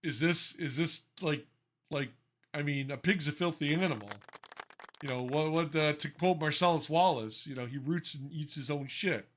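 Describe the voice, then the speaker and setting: A man's voice: a little high, moderate pace, a bit bright. Ranting, profane podcast co-host man. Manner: profane, ranting, exasperated, many restarts. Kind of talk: casual podcast chat.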